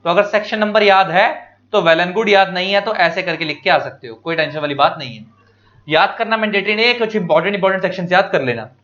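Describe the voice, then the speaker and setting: A man teaching law to exam students in a casual, animated lecture, repeating key points and mixing English terms into his talk. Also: high-pitched, fast talker, muffled recording. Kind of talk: informal exam-prep lecture.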